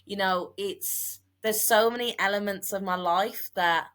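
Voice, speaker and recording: A woman's voice: mid-range voice, unhurried, fairly bright tone. A woman in her twenties, co-hosting a podcast and talking openly about her life in a chatty, filler-heavy way. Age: 20s. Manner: chatty, emotional, many fillers. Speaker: podcast co-host and guest. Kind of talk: casual podcast chat.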